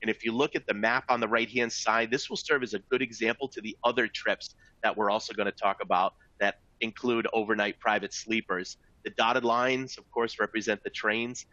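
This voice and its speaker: A man's voice: on the low side, steady tone, normal speed, few pauses, bright, forceful tone, no echo, lo-fi sound. A man presenting rail vacations in an upbeat, salesy talk, addressing listeners as folks. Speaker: travel company presenter. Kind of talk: sales presentation to travel advisors.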